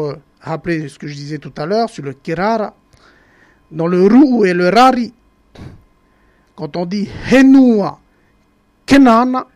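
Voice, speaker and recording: A speaker from the Marquesas Islands, explaining how words changed in a deliberate broadcast talk that pauses often to search for words and repeats example words. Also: mid-range voice, darkish tone. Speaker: language presenter on a broadcast.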